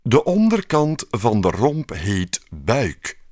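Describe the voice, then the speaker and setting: A man's voice: medium pitch, huge pitch swings, darkish tone, no echo, clean studio sound, exaggerated voice. Rustige, uitleggende beeldenmaker, voorgelezen door een man in een kinderverhaal. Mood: explaining. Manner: slow and explaining, drawn out. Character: patient, slow old sculptor.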